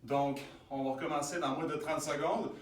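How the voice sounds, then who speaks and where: A man's voice: steady tone, normal speed, far from the mic, slight background noise. Québécois man coaching a workout, echoey room. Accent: Québécois French. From Quebec. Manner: counts reps aloud, louder and higher during sets. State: exercising while talking. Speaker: fitness instructor. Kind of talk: guided workout with counting.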